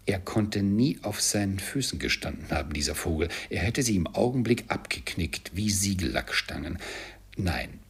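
A man's voice: low-pitched, expressive, moderate pace, gravelly, few pauses, slightly rough. A man reading an audiobook story dramatically, sometimes dropping to a whisper. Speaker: audiobook narrator. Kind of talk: expressive storybook narration.

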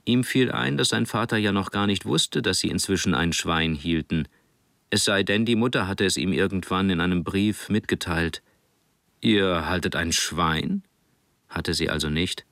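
Deep-voiced male audiobook narrator. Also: vocal fry, fairly bright tone, dry recording, clean studio sound. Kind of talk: scripted narration.

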